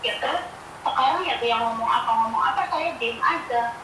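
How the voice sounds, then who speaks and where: High-voiced woman calling in from far off. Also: brisk, heavy reverb, slight background noise. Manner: animated storytelling, acting out quoted arguments. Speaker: caller, migrant domestic worker. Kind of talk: phone-in complaint, retelling a dispute.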